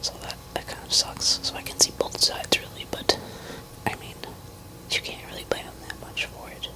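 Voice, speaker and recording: A woman rambling hesitantly in a barely audible, unvoiced ASMR whisper, pausing mid-thought. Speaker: musician talking to listeners.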